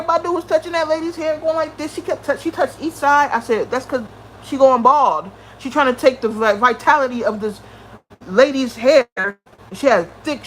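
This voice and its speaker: High-voiced woman ranting on a livestream. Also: rough recording. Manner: profane, animated, greets chat viewers. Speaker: livestream host.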